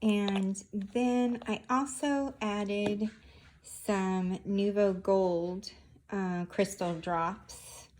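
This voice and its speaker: Slow-paced woman giving a craft tutorial. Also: mid-range voice, steady tone, darkish tone, a little hiss or hum. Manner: unhurried, narrating each hand movement as she works. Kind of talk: casual step-by-step craft demonstration.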